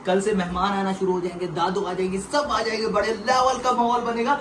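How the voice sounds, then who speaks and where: Excited high-voiced young man vlogging. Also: fairly quick, background noise. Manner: excited, teasing, loud exclamations. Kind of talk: casual chat. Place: home during family celebration.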